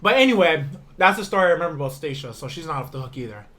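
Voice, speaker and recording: A man's voice: on the high side, sing-song, very fast, bright, forceful tone. A man from Hawaii chatting like a brash frat bro on a podcast, slangy and profane. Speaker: podcast co-host. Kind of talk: casual group podcast chat.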